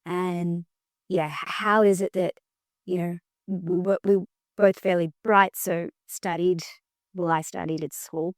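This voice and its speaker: A woman's voice: fairly low pitch, steady tone, measured pace, dry recording, studio quality. A woman, co-hosting a podcast in reflective, personal chat with some stumbles. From Australia. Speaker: podcast co-host, business partner.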